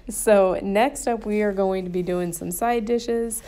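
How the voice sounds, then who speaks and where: Woman, mellow warm voice, chatty and upbeat, casual voice-over. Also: medium pitch, steady tone, slow pace. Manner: chatty and upbeat, repeats herself. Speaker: cooking channel host.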